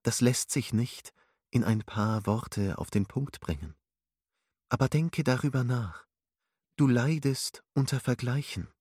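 A man voicing a calm, wise woman who counsels with soothing, gently instructive words. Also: mid-range voice, a little slow, husky, no room sound, studio quality. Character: calm, wise older female spiritual counselor.

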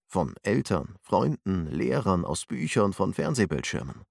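A man narrating an audiobook in a measured, steady way. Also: sits low, vocal fry, no echo, studio quality.

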